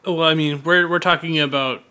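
Bright-voiced woman co-host, casual. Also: deep voice, steady tone, moderate pace. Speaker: podcast co-host. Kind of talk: casual chat.

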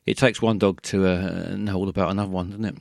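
A man hosts a call-in radio show with a low, gravelly voice. He wanders from thought to thought, stalling on fillers and restarting his sentences. The sound is dry and close to the mic. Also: fairly even intonation, a little mellow, no echo. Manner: meandering, halting, many fillers and restarts. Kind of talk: rambling one-man call-in chat.

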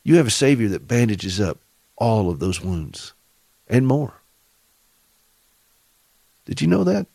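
A man's voice: lowish voice, big pitch swings, slow pace, creaky, pauses often, mellow, breathy edge, dry recording. A middle-aged man with a Southern accent hosting a radio show for caregivers, giving earnest, preacherly encouragement and asking listeners direct questions. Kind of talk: faith-based encouraging talk.

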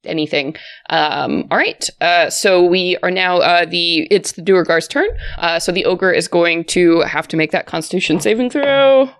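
A woman acts as game master, narrating a tabletop role-playing game off the cuff. Her voice sits on the low side for a woman, and the recording is dry, with little room sound. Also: normal speed, clear, resonant tone, no room sound.

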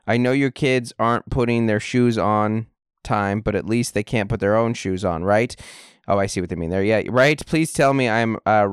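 A man's voice: lowish voice, normal speed, smooth, no room sound, studio quality. A man co-hosting a casual podcast, chatting and reading listener emails aloud with easygoing asides. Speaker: podcast co-host.

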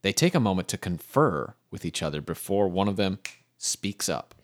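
A man's voice: low voice, big pitch swings, moderate pace. A young man narrating an AI-run tabletop game, reading the text aloud and joking in between. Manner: reads narration aloud, breaks off laughing and joking.

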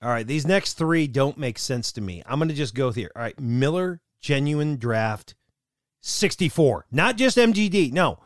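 A man co-hosting a casual chat show, telling stories in a joking way with quick asides. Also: mid-range voice, lively intonation, no echo, clean studio sound. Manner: jokey storytelling, quick asides and laughs. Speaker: co-host.

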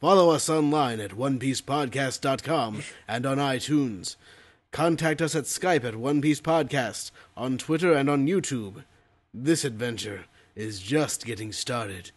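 Stuffed-up man doing dramatic trailer voice. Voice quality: congested, stuffed-up nose. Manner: dramatic, deliberately deepened voice. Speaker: podcast promo reader. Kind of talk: movie-trailer style promo reading.

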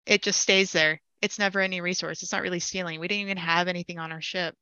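A young woman casually telling a long gaming story, animated and laughing as she goes, with frequent fillers. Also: lowish voice, fast talker, smooth, dry recording, lo-fi sound.

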